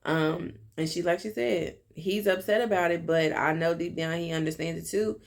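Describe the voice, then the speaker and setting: Gravelly-voiced woman recapping a TV episode. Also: fairly low pitch, steady tone, normal speed. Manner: chatty, lots of fillers and quoted dialogue. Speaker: TV episode reviewer. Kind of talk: casual recap monologue.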